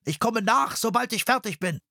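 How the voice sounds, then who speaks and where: An urgent, protective scientist shouts orders on a ship in a storm, his voice pushed high, as a male narrator acts him out. The reading is dry and close with a husky grain. Every line comes out as a hurried command. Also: animated, dry recording, full character voice.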